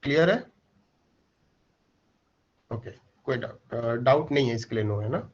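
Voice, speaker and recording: A man teaching an online trading class, explaining step by step with rhetorical questions and asking if it is clear. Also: mid-range voice, expressive, unhurried, lo-fi sound. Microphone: mic placed close.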